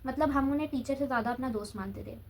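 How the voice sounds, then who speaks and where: A woman's voice: sits high, fast, darkish tone, slight background noise. A teenage girl vlogging casually, telling a long school story in a chatty way while applying a face pack.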